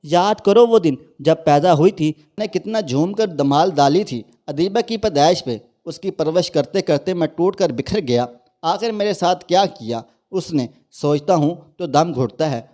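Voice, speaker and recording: A weary, poor old fruit-seller father speaks in a slightly raised, mellow voice, tender with his daughter and broken when she leaves him. A man voices him in a narrated story. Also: a little high, lively intonation, lightly acted. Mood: heartbroken. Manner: pleading, heartbroken.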